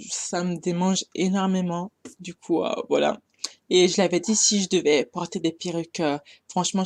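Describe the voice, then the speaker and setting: Addressing her audience in a dry recording, a young woman with a low, darkish voice gives a relaxed storytime monologue. Her delivery is passionate and exhortative, though broken by many hesitations.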